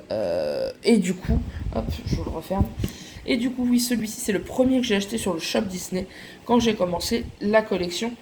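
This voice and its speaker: A woman's voice: medium pitch, warm tone, slight background noise. A woman chatting casually in a show-and-tell vlog, filling her talk with little asides. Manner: chatty, many fillers and little "hop" and "voilà" asides. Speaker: collector showing her items.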